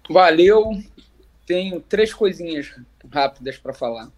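Slightly high-voiced Brazilian man, emphatic fan talk. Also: animated, slow, a little hiss or hum. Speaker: football podcast panelist. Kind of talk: casual fan commentary.

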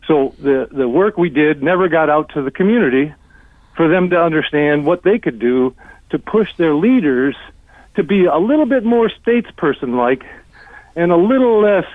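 A man's voice: on the high side, animated, moderate pace, no room sound. An older man calling in to a radio show over a phone line, blunt and exasperated. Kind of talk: call-in comment on a talk show.

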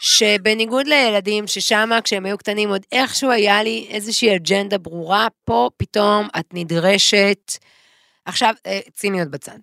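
Woman, forties, podcast co-host; gravelly texture, animated storyteller who acts out quotes, dry close sound. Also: medium pitch, no echo. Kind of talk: casual chat.

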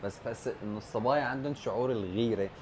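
Very fast-talking Levantine Arabic male host. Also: mid-range voice, background noise. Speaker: podcast host. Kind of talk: casual conversational interviewing.

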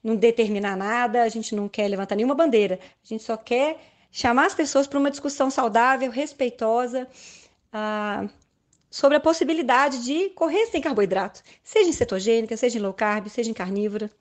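Woman doctor explaining carefully. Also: fairly high pitch. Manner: measured, explanatory, with many fillers. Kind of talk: explaining to an interviewer.

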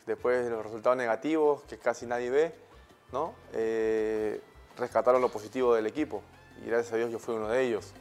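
A man in his thirties with a Peruvian Spanish accent, a guest telling stories in a relaxed, slangy way, often tagging his sentences with questions. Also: mid-range voice, brisk, soft background music. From Peru. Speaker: guest, former footballer. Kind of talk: casual interview storytelling.

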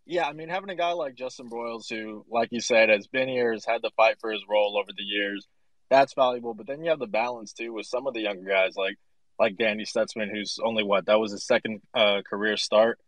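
A man's voice: fairly low pitch, fairly quick, a bit bright, dry recording, rough recording. A man, out of breath after running through the rain to his car, giving breathless, upbeat postgame analysis.

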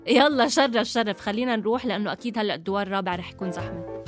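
A woman's voice: mid-range voice, fairly even intonation, rapid-fire, over music. A woman with a Jordanian Levantine accent, a podcast co-host chatting casually in an opinionated, teasing, argumentative way. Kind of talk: casual conversational banter.

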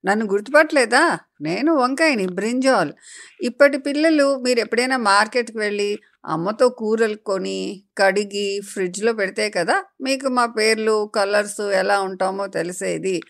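A woman voicing a friendly, know-it-all talking eggplant in a children's story, lecturing in a lively, playful way. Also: medium pitch, normal speed, natural voice. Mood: hurt.

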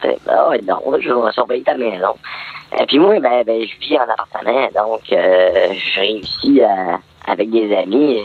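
A male caller with a Québécois accent whose voice has been sped up like a tape on fast forward to disguise it. He comes through a thin, tinny phone line and talks haltingly, stumbling and repeating himself as he goes. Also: on the low side, gravelly. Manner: hesitant, stumbling, repeats words. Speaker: anonymous radio caller. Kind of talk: casual confession on air.

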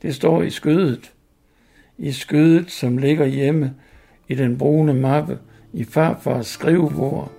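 Old man doing a fussing older sister, high and pleading, a bit husky. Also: steady tone. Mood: scolding, pleading. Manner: shrill, pleading shouts. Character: scolding older woman, sister.

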